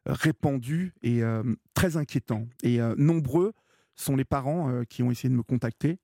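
Gravelly, halting male radio host. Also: mid-range voice, warm tone, no room sound, studio quality. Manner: halting, many fillers and repeated words. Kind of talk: radio call-in hosting.

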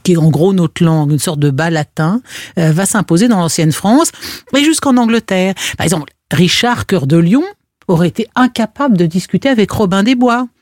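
A man telling history anecdotes on a radio talk show, animated and playful. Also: high voice, moderate pace, dry recording, clean studio sound. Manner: animated storyteller, playful asides. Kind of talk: lively radio chat with anecdotes.

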